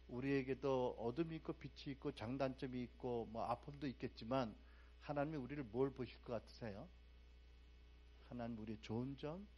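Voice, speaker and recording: Animated Korean male preacher. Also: mid-range voice. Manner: animated, swings from soft asides to loud emphatic outbursts; asks the congregation frequent rhetorical questions. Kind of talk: sermon.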